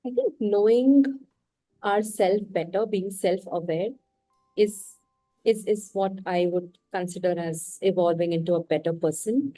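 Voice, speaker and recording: Here she speaks a little slowly, her medium-pitched voice dark in tone, reflecting candidly and thinking aloud in a casual interview. She is a podcast guest from India with an Indian English accent. The audio is poor and dry, with soft music behind her.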